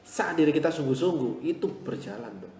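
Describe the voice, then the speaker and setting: A man teaching a live online class and answering viewers, reassuring and repeating his encouragements, at times turning loud and animated to stress a point. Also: on the high side, fairly quick, a little hiss or hum. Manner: reassuring, repeats "ya" and "insya Allah", swings to loud animated emphasis. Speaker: motivational teacher. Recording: echoey room with long reverb.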